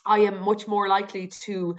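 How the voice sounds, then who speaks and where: A woman's voice: mid-range voice, level tone, moderate pace, muffled recording. A woman with an Irish accent, a podcast guest talking candidly and reflectively, with frequent restarts and fillers. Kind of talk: candid conversational interview.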